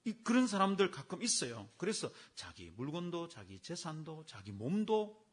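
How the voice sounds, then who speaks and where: A male pastor gives a sermon. He acts out conversations and swings from soft to loud. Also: fairly high pitch, big pitch swings, moderate pace, slightly rough.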